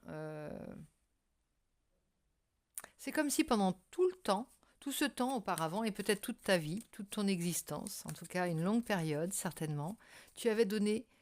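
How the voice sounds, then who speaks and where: A woman's voice: medium pitch, expressive, normal speed. A woman hosting a casual tarot card reading for viewers, speaking hesitantly as she searches for her words. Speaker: tarot reader and channel host.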